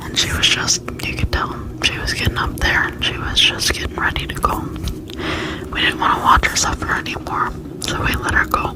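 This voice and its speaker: A woman softly whispering a casual ASMR chat with tingly mouth articulation, often slowly repeating words. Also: rough recording. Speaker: ASMR video creator.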